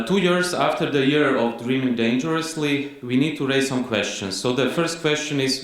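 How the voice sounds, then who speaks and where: A man from Croatia with a Croatian accent giving a conference lecture, measured and full of "uh" fillers. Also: mid-range voice. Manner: measured, frequent "uh" fillers, reads quotes slowly. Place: university lecture hall. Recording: echoey lecture hall.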